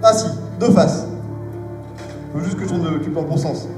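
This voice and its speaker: Casting: male kids' party magician, playful storytelling patter, high voice, reverberant live venue with clear music behind. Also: normal speed. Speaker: stage magician performing with volunteers. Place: live festival show, voice carried through a reverberant space. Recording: echoey hall, distant mic, music behind.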